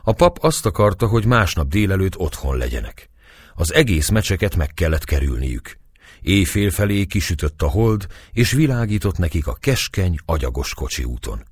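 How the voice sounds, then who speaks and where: A man narrating an audiobook with expressive storytelling. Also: low-pitched, slightly rough, no room sound, studio quality.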